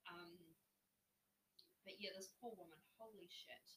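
A woman's voice: lowish voice, a little slow, sharp tone, slight background noise, rough recording. A woman hosting a personal storytelling podcast, talking emotionally with plenty of swearing and fillers. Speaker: podcast host.

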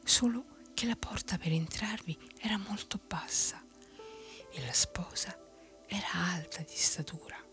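A woman telling a bedtime story in a soft unvoiced whisper. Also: lowish voice, a little slow, soft background music.

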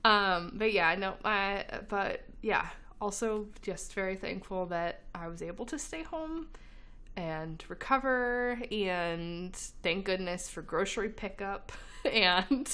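Speaking slowly in a smooth, sharp-toned, mid-range voice, a woman co-hosts a relaxed podcast conversation. She laughs often, uses many fillers, and sounds slightly congested while getting over an illness.

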